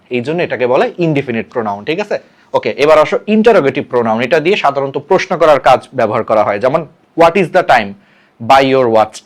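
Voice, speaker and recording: A man teaching an exam-prep English grammar lesson in Bengali with a Bangladeshi accent. He reads English example sentences slowly and deliberately and often checks in with his students. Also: mid-range voice. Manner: checks in often with "ঠিক আছে?".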